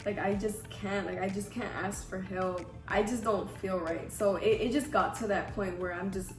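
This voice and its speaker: A woman's voice: mid-range voice, steady tone, moderate pace. Young woman with a cold, echoey room. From Houston, Texas, USA. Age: 20s. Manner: informal, slangy, self-deprecating. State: voice affected by a cold. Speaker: vlogger. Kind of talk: casual chatty Q&A to viewers. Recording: echoey room, music underneath.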